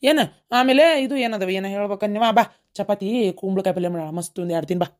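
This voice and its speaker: A woman's voice: medium pitch, fast talker, a little mellow, lightly acted. A woman voicing a complaining, henpecked middle-aged village husband in a cartoon, with a North Karnataka Kannada accent. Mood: grumbling. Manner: complaining, whiny grumbling. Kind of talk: cartoon comedy voice acting.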